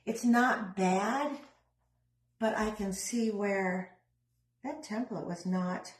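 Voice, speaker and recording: A woman's voice: medium pitch, takes it slowly, roomy sound, poor audio. A middle-aged woman chatting casually while she works on a craft, rambling with self-deprecating asides. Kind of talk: casual craft vlog chat.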